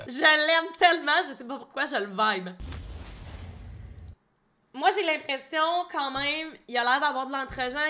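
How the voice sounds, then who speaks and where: A young woman with a Québécois accent talks over clips in a casual reaction video. Her voice sits high and bright. She is blunt and excitable, and she swears often. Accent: Québécois French. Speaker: host reacting to show clips.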